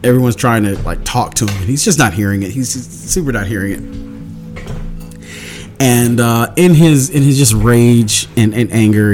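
A man at a mid-range pitch recaps a tabletop game session in loose, meandering storytelling, dropping into quoted lines as he goes. Faint music sits quietly underneath his voice. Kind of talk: casual campaign recap.

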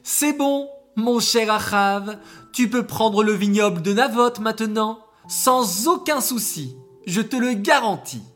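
A storyteller voicing a cruel, scheming queen who mocks and cackles, high and loud in a children's story. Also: expressive, slow, soft background music. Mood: triumphant. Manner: mocking, sly, high and loud.

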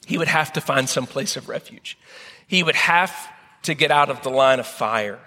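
A man preaching a sermon, retelling a story slowly with dramatic pauses. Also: medium pitch, bright, forceful tone, big-room sound.

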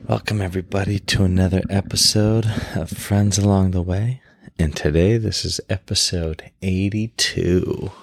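A man with a very low voice and a gravelly fry at the edges talks as a podcast host. He sounds tired and rambles informally, unscripted, in a close, dry recording. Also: fairly even intonation, moderate pace, no echo. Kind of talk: casual solo podcast chat. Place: bedroom in a new home, on his bed.

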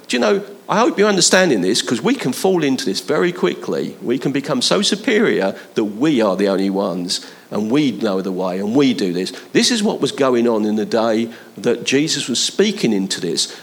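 Lively preacher man. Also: mid-range voice, moderate pace, gravelly, few pauses. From London, England. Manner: conversational, with emphatic rising appeals to the listener. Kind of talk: sermon.

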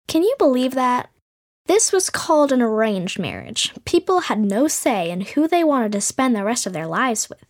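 A woman telling a fairy tale as the show's storyteller in scripted narration, with playful, sarcastic asides. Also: on the high side.

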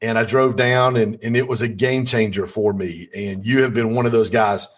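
A man hosting a podcast interview, with a slightly husky voice, speaking in an earnest, encouraging way. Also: fairly low pitch, steady tone, normal speed. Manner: scripted inspirational intro, then conversational. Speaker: podcast host.

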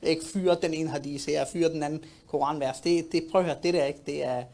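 A man speaking at a youth talk, emphatic and animated, often repeating words to drive a point home. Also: a little high. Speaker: panel speaker.

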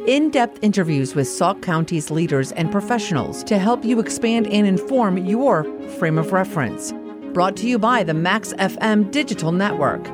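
A woman's voice: mid-range voice, animated. A woman reading a polished, scripted introduction for a radio interview show. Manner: polished, measured announcing. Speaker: show announcer. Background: music bed.

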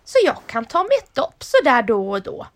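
Woman reading small soot monster with yellow eyes, chatty, higher-set voice, storybook. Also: huge pitch swings.

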